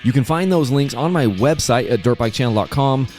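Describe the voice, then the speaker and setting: A man's voice: mid-range voice, animated, fairly quick, a little mellow, soft background music. A man in his forties hosting a podcast, chatting casually and rambling with lots of fillers and restarts. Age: 40s. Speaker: podcast host.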